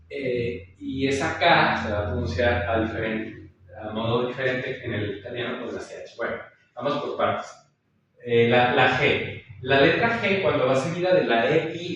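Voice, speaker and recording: A man delivers a recorded course lecture on Latin pronunciation, explaining patiently, repeating sounds and checking in with his listeners. His mid-range voice is a bit bright, with slight background noise, and it sounds far from the mic in an echoey room.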